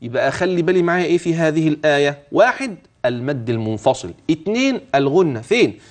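A man with an Egyptian Arabic accent teaches a tajweed lesson on a religious TV channel, his voice high-ish and expressive. He draws out Quran verses slowly and melodically, then explains them in quick, chatty colloquial speech, posing and answering his own questions as if coaching a student.

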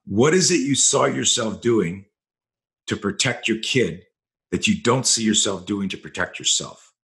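A man's voice: on the low side, animated, a little slow, a bit bright. A man telling blunt, profane stories as a self-defense instructor on a podcast. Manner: blunt, profane, vivid storyteller. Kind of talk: storytelling in a podcast interview.

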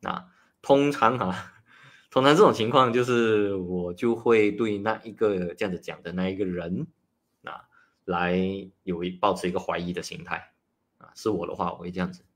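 A nutritionist hosting a casual livestream talk. He is a man who explains things in a chatty way and starts many phrases with a drawn-out "ah". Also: sits low. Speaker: nutritionist host.

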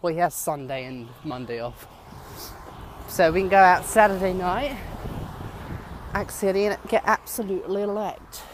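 A man's voice: high-pitched, background noise. A young man chatting casually and rambling upbeat while walking outdoors, talking into a handheld camera. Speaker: vlogger. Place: outdoors walking by fields on a sunny day.

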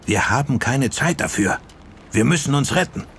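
A man's voice: mid-range voice, expressive, normal speed, fairly bright tone, slight background noise, voice pushed up. A man doing a firm, urgent young ghost hunter. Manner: firm, pressing.

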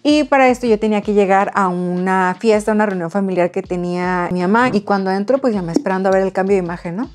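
A woman, telling a personal story to her viewers in a chatty, expressive way. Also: medium pitch, quick pace, hardly any pauses, faint music behind. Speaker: vlogger. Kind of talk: casual storytelling.

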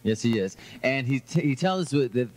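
A man hosting a morning radio show in a studio, rambling energetically and quick to laugh. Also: mid-range voice, lively intonation, darkish tone.

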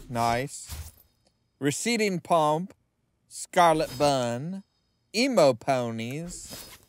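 A man's voice: fairly high pitch, clear, resonant tone. A man giving casual commentary as he streams a game, indoors in a small room.

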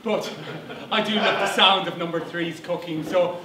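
A man's voice: high voice, steady tone, unhurried. A man playing a shifty, cheerful, bumbling Irish labourer as a dating show contestant in a stage comedy sketch. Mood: eager. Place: small indoor stage. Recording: distant echoey noisy stage recording.

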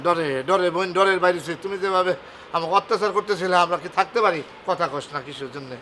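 A man's voice: high voice, brisk, bright, forceful tone, a little hiss or hum. An actor playing a nervous, flustered boss who stammers and pleads his way out of a forced marriage in a comedy drama. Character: nervous, flustered boss man trying to escape.

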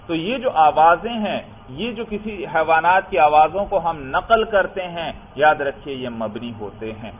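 A man's voice: a little high, expressive, hardly any pauses, a little hiss or hum. A man from Pakistan teaching Arabic grammar in a classroom lecture. He keeps asking the class questions, answers them himself and calls his listeners brother. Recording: tinny phone-like lecture recording.

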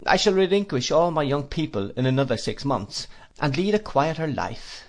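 A man's voice: a little high, sing-song, normal speed, voice pushed up. A man reading an audiobook, voicing a kindly, cheerful older male schoolmaster. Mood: genial. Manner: cheerful, warm-hearted.

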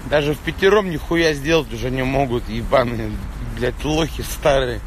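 A man in his thirties walks a city street livestreaming from a phone held at arm's length, ranting casually and swearing constantly like a rough street thug. His medium-pitched voice moves at a moderate pace over noisy traffic.

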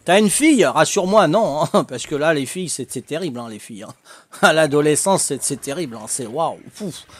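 A man's voice: on the high side, expressive, a little fast, breathy edge, no room sound. An older man chatting casually with viewers while streaming a game, joking, laughing often and tacking "hein" onto his sentences. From Corsica. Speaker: livestreaming gamer. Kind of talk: casual livestream chat with viewers.

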